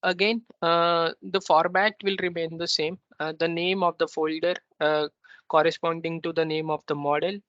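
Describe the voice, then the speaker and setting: A man's voice: on the high side, flat delivery, moderate pace, fairly bright tone, no room sound. A man teaching a technical workshop on a video call, explaining step by step and often checking in with a questioning "right?". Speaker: workshop instructor. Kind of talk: technical tutorial walkthrough. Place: remote meeting. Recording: slightly muffled, dry video call audio.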